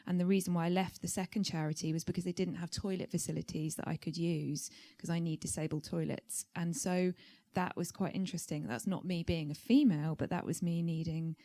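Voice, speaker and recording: Low-voiced, reflective woman panelist. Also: steady tone, brisk, hardly any pauses, dark tone. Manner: reflective, hesitant with fillers. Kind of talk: panel discussion answer.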